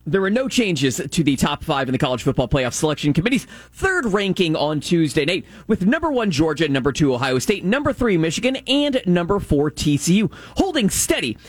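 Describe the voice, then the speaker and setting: A man's voice: a little high, sing-song, brisk, few pauses, dry recording. A man co-hosting a sports talk show, reading scores and news and bantering with his co-host.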